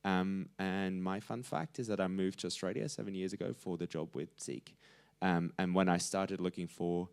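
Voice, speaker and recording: A man from the Netherlands introducing himself on a conference panel, relaxed and wry, with many fillers. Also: low voice, normal speed, vocal fry, smooth. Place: conference stage.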